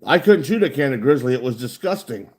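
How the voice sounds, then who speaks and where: A man's voice: medium pitch, lively intonation, brisk, a little mellow. A man. He talks around a lip full of dip in a blunt, folksy way, with plenty of swearing. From United States. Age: 40s. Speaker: livestreamer chatting with viewers. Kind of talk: casual chat.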